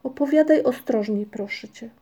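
A woman's voice: a little high, normal speed, mellow, voice pushed up, close to an everyday voice. A woman doing a fretful, grumbling creature. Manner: anxious and complaining. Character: fussy, timid, grumbling male creature.

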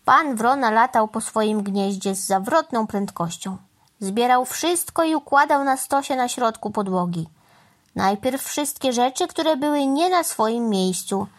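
Woman storyteller, slow expressive reading, lively pitch.

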